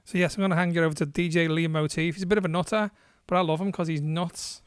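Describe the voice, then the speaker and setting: A man's voice: on the high side, steady tone, fast talker, clean tone, no room sound, clean studio sound. A man hosting a DJ livestream, chatting casually and swearing now and then between tracks. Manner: laid-back, swears casually, chuckles. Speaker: DJ and livestream host. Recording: music playing loudly underneath.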